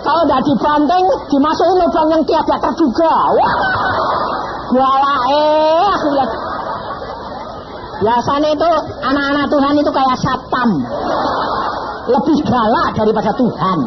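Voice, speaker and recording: A man preaching a sermon testimony, telling the story in animated style and acting out the dialogue. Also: extremely high pitch, unhurried. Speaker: evangelist preacher. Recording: dull lo-fi recording with clear noise.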